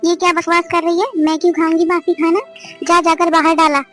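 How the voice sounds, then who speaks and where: Brief: female VO for a stingy, harsh cartoon mother-in-law, commanding scolds, very high voice. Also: flat delivery, brisk, fairly bright tone, faint music behind. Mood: scolding. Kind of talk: cartoon family drama voice acting.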